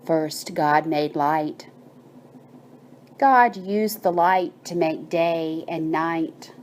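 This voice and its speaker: In a soothing, measured voice that draws out its phrases, a woman narrates a bedtime story and guided meditation. Her voice sits low, with a little hiss or hum in the recording.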